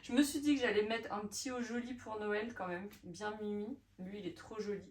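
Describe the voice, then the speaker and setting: A woman's voice: mid-range voice, brisk. Chatty woman in her thirties. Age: 30s. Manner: chatty and expressive, with frequent fillers. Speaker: vlogger. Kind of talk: casual vlog chat.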